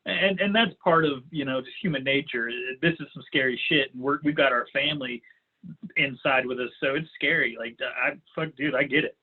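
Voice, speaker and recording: Husky man on a tinny line. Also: mid-range voice, a little fast. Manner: joking, blunt, swears casually. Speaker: podcast co-host. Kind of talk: casual profane chat.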